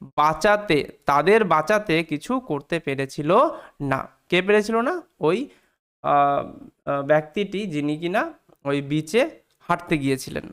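A man takes an English passage apart phrase by phrase, patient and methodical. His voice sits high, with a smooth, clear tone. He keeps checking that his students follow, and spells tricky words out letter by letter. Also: animated, measured pace, pauses often, fairly bright tone. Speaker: English teacher. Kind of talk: explaining English sentences line by line.

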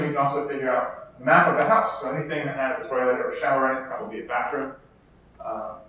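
A medium-pitched, fairly bright male voice with an American accent delivers a conference keynote, steady in his explanations apart from the odd filler or restart. A distant mic picks him up in an echoey lecture hall.

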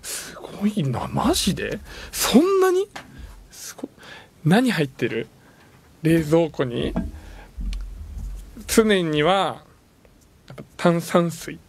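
Radio host, male, bright high voice with a big swinging range, playful grumbling, casual studio chat. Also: sing-song, slow, vocal fry, long pauses, a little hiss or hum. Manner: joking, laughs often, complains playfully.

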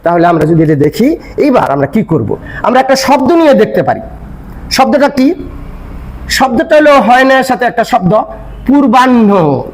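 An older man, a grammar teacher, gives a classroom-style lesson, explaining grammar step by step and posing questions he then answers himself. His voice is extremely high-pitched and very animated, at a normal speed with frequent pauses.

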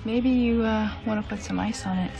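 A woman's voice: on the high side, steady tone, brisk, gravelly. An actress playing a protective, needling, plain-spoken young woman with an American accent in a television drama. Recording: dialogue over background music.

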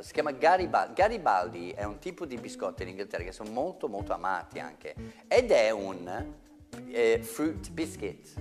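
A man's voice: medium pitch, in a large hall. A man whose first language is English, teaching pronunciation in Italian in a playful comic style and repeating words with exaggerated care.

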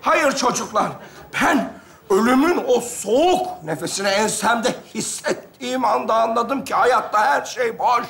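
Brief: a sentimental bedridden teacher, high and bright, faint noise behind. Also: male voice, animated, a little slow, gravelly, heavily acted. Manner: melodramatic, preachy. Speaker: hospital patient. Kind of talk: studio sketch comedy.

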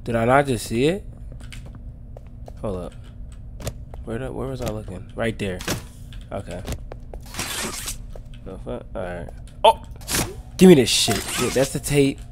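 A man's voice: medium pitch, expressive, a little slow, pauses often. A young man, a scared horror game streamer, giving casual, slangy, profane commentary as he plays. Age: young adult. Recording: clear game ambience noise behind.

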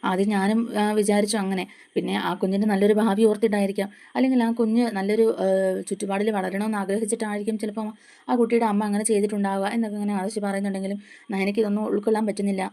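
A woman rattles through a serial recap at breakneck speed, barely letting her pitch rise or fall. Her voice is dark and mellow, and she strings the story together in long, rambling run-on sentences, voicing every character herself. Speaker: channel host retelling a TV serial. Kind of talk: casual spoken recap of a serial's plot.

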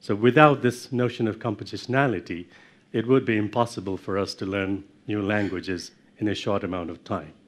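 A man's voice: on the low side, fairly even intonation, a little fast. A middle-aged man giving a university lecture, explaining step by step and putting questions to his audience in a lecture room.

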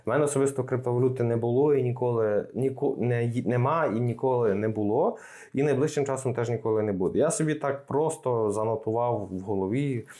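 A man's voice: medium pitch, fast, mellow. A man who runs an investing channel, talking loosely in a casual to-camera vlog with many fillers. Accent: Ukrainian. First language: Ukrainian. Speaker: investing blogger.

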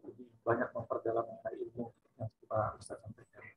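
A man's voice: mid-range voice, monotone, normal speed. Polite male moderator on a dull line. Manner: polite, deferential. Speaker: webinar moderator. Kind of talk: reading audience questions. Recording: dull lo-fi call audio with faint noise.

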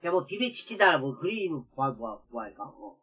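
Bright, lively woman streaming a game. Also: sits low, normal speed, slightly rough. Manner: animated, talks to viewers, exclaims loudly when startled. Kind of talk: let's play commentary.

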